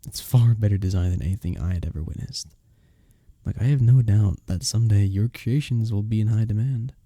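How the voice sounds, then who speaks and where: Earnest and admiring, a man plays a smitten, courteous young village innkeeper in an intimate romantic fantasy roleplay, using soft, breathy speech and formal, bashful phrasing. His voice is lowish and a little fast, lightly acted, with no echo.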